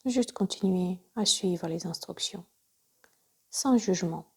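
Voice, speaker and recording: This yoga nidra guide is a woman whose husky voice sits on the low side. She talks softly with a breathy quality, at times little more than a whisper, keeping her short phrases calm and measured.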